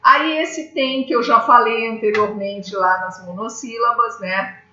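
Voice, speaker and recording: Slow, bright-voiced woman teaching. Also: fairly high pitch. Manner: patient, explains step by step, keeps asking "tá?". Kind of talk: grammar lesson. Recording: echoey room, slightly dull sound.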